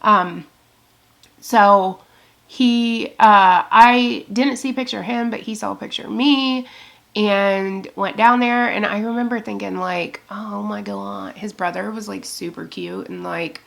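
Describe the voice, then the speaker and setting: A talkative woman in her thirties, swearing freely as she rambles through a story. Her voice has a gravelly fry under a middle pitch. She speaks to her own camera at home. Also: steady tone, unhurried, a bit bright. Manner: chatty, profane, storytelling with quoted asides. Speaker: beauty vlogger. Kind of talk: rambling get-ready-with-me chat.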